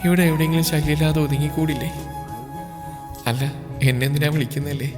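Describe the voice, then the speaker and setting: A man voicing a grieving, self-doubting young woman, speaking in a soft, hushed, pleading way in a storybook narration. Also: fairly high pitch, steady tone, fairly quick, big-room sound, music in the background, natural voice. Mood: heartbroken.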